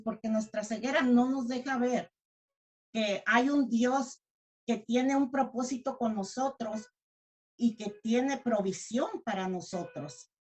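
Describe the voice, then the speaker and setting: Earnest woman preacher, Mexican accent. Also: a little high. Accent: Mexican Spanish. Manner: earnest, repeats and corrects herself, cries out when quoting. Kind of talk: sermon.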